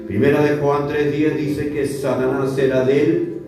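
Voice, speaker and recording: A man's voice: a little high, flat delivery, unhurried. A man preaching a sermon as pastor, emphatic and repeating words for stress. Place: church. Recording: echoey church hall, mic far off, faint music.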